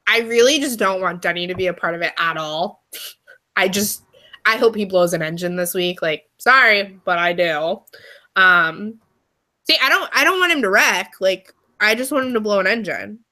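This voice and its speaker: A young woman co-hosts a podcast, chatting casually and emphatically with plenty of fillers. Her voice is medium-pitched, bright, and forceful, at a normal speed.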